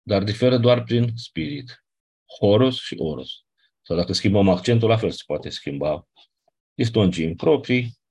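A man's voice: on the low side, expressive, darkish tone, husky. A man teaching a class, reviewing grammar step by step and often checking in with his students. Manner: patient, checks in with "nu?" and "da?". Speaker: teacher of Ancient Greek.

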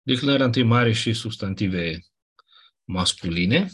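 A man teaching a class, explaining grammar rules patiently, often checking that students follow and clearing his throat now and then. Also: fairly low pitch, animated, fairly bright tone. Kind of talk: classroom lecture on Ancient Greek grammar.

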